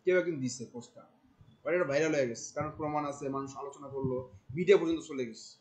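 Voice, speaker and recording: A man, teaching a class. He talks in a colloquial, animated way, firing questions at the students. He drops English terms into his explanations. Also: a little high, rapid-fire, low-quality recording. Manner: questions the class often, mixing in English words. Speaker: marketing instructor. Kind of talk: classroom lecture.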